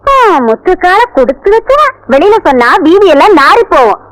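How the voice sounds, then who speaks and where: An actress playing a bold young village wife who scolds and taunts in a rush of proverbs. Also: female voice, very high voice, big pitch swings, a little fast, fairly bright tone, no echo, full character voice, poor audio. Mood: taunting. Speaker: film actress. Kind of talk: film dialogue.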